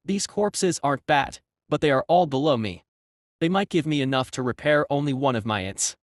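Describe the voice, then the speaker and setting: A man's voice: on the high side, expressive, normal speed, no room sound, natural voice. A man voicing a sardonic, grumbling male demonic tree in a storybook recap. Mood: matter-of-fact. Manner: dry, grumbling remarks.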